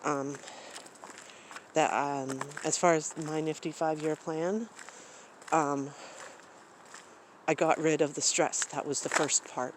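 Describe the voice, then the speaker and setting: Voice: medium pitch, steady tone, takes it slowly, pauses often, slight background noise, rough recording. Rambling vlogger talking into a phone. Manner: rambling, many fillers and restarts. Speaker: travel vlogger. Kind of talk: casual rambling monologue. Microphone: phone camera.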